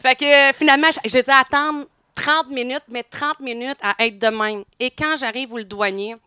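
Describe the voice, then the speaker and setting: A woman's voice: high-pitched, steady tone, normal speed, bright, forceful tone, smooth, dry recording, studio quality. A middle-aged woman with a Quebec French accent, telling a story in casual podcast chat and laughing often.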